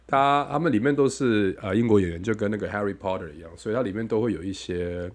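A man's voice: on the low side, fast talker. A man in a casual chat, switching between Mandarin and English and playfully demonstrating pronunciation. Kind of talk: casual bilingual chat teaching accents.

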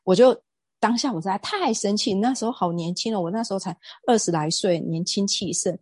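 A woman, a guest on an interview show, telling stories in an outspoken, animated way. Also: mid-range voice, brisk, husky, no echo. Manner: outspoken, self-described fiery temper; animated storytelling. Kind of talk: casual interview talk.

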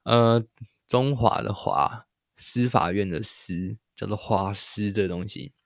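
A man's voice: lowish voice, takes it slowly, gravelly, no room sound, studio quality. A young man with a Taiwanese Mandarin accent, telling a rambling solo story as a podcast host and laughing at himself. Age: young adult.

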